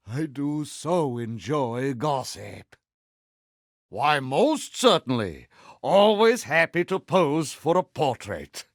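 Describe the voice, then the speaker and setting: A vain, villainous pirate captain for a video game. The voice is pitched high and swoops dramatically through grandiloquent phrases, drawn out at an unhurried pace with theatrical pomposity. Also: male voice, bright, forceful tone, dry recording, clean studio sound, full character voice. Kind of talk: video game character voice lines.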